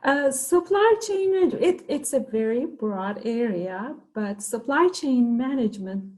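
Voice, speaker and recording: On a low-quality recording, a middle-aged Turkish woman, a professor and interview guest, explains her field in conversation. Her voice is medium-pitched and mellow, and she uses frequent fillers.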